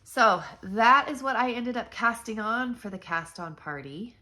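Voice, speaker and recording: A woman's voice: a little high, lively intonation, unhurried, sharp tone. A middle-aged woman with a stuffy, nasal voice, chatting casually to viewers as host of a knitting channel, rambling with many ums and restarts. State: stuffy, nasal from blocked sinuses.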